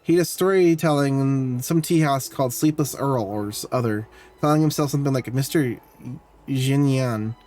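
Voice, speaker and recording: A man's voice: mid-range voice, moderate pace, a little mellow, natural voice. A man reading a grumbling bookstore helper. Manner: read aloud in a plain voice.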